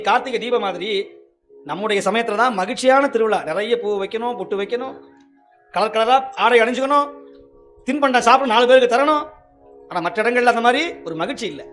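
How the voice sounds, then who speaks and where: Fast, high-voiced man preaching with humor. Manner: lively humorous preaching with acted quotes. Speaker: Shaiva religious speaker. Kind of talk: devotional sermon.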